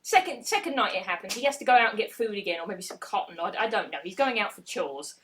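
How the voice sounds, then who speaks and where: Giggly, lively young woman retelling a tale. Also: mid-range voice, slight background noise. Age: 20s. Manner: giggly, sweary, acts out characters in quick asides. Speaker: podcast co-host. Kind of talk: casual chat, retelling a folk tale.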